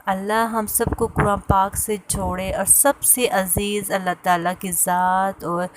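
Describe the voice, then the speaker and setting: A woman tells a personal story in a casual, hesitant way, pausing often with fillers and restarts. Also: mid-range voice, little pitch movement, a little hiss or hum. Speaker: vlogger sharing a personal story.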